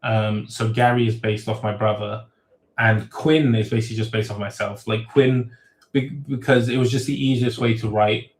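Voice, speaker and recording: A man's voice: on the low side, steady tone, moderate pace. A man, an author hosting a casual livestream Q&A, reading viewer questions aloud and giving rambling, off-the-cuff answers. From grew up in England, born in Thailand. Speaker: web novel author hosting a Q&A. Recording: roomy echo.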